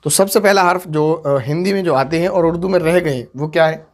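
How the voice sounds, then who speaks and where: Guy teaching urdu letters, patient, says each word twice while writing, slightly high voice. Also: fairly quick. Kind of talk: online script lesson, explaining step by step.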